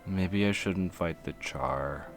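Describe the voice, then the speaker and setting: A man's voice: low voice, takes it slowly, vocal fry, over loud music. A man giving casual, playful commentary while streaming a game, laughing and humming to himself as he plays.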